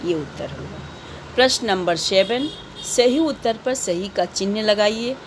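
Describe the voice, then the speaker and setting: Slow, patient woman teacher. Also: mid-range voice, background noise. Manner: slow, patient, explains and repeats answers. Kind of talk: recorded class lesson for children.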